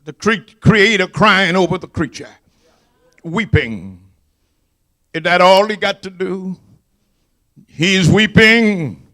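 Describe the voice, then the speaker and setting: A man preaching a sermon in a church, with drawn-out words, sudden shouts and call-and-response questions to the congregation. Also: sits high, lively intonation.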